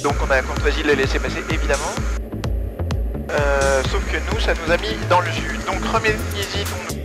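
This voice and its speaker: A man's voice: fairly high pitch, fairly even intonation, moderate pace, loud music behind the voice. A man piloting, talking through cockpit procedures and radio calls on an aircraft headset.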